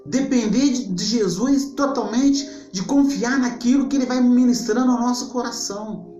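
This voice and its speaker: A man preaching a sermon as a pastor, earnest and repetitive, dropping low and soft when he quotes scripture. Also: moderate pace, echoey room, highs cut off, soft background music.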